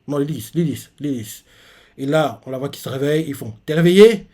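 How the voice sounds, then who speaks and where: Brief: man streamer recapping a manga chapter live, loose and filler-heavy, mid-pitched. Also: fairly quick, a little mellow, husky. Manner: recounts panels with many fillers and restarts. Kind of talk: casual live reaction.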